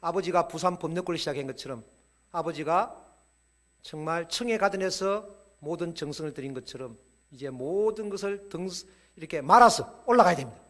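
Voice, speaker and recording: A man giving a playful, animated sermon-style lecture to a church audience. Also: a little high, a little fast.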